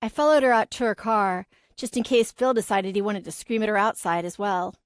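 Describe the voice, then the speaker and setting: A woman's voice: medium pitch, fairly quick, no room sound. Woman narrating an audiobook, dry sound. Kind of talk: scripted narration.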